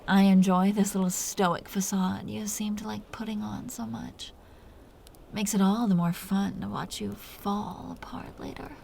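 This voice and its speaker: A woman plays a teasing, seductive vampire captor who dominates the listener in an intimate roleplay audio drama, speaking in breathy half-whispers. Her mid-range voice is warm and steady, her pace unhurried and her mood taunting. A slight hiss or hum sits under the recording.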